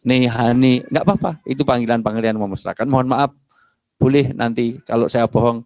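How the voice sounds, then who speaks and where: Man, middle-aged, lively sermon, playful, dry sound. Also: medium pitch, fast talker, vocal fry, dry recording. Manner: animated, acts out dialogues and jokes with the audience. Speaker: preacher. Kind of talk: lively sermon to a mosque congregation.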